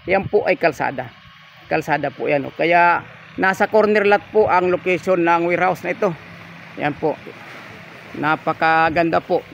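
A man's voice: fairly high pitch, fairly bright tone, no echo. A man walking a lot outdoors and narrating a property tour in polite, upbeat salesman patter. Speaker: real estate agent giving a property tour. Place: outdoors on a large fenced lot.

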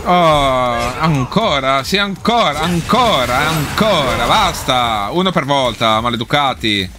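A man's voice: mid-range voice, lively intonation, takes it slowly, noisy background. A man giving casual let's play commentary, swearing and talking back at the enemies he fights. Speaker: gameplay streamer.

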